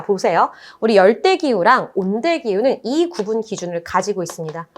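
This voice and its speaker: A woman teaches her class in an animated lecture style. Her voice sits high and jumps all over the place as she tells stories and puts on playful voices to make the points stick. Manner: lively storytelling, acts out playful voices.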